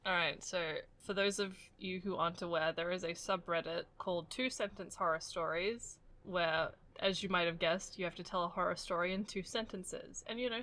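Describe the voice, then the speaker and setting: A woman co-hosting a casual chat while drawing, chatty and quick to giggle. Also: on the low side, pushed and bright. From Australia. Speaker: co-host.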